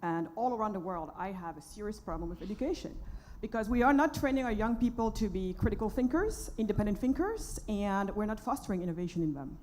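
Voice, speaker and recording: A woman's voice: medium pitch, animated, fast talker, darkish tone, a little hiss or hum. A woman from Senegal, an entrepreneur, speaking on a conference panel in a passionate, emphatic and outspoken way.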